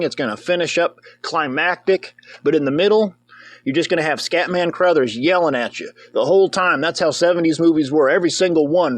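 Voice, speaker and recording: Joking man rambling over a movie. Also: fairly high pitch. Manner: joking, rambling, whoops and cheers. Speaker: movie reviewer. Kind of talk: casual comedic commentary.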